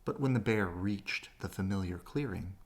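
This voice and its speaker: In a deep voice, a man narrates a children's bedtime story with plenty of expression, stretching his phrases out dramatically.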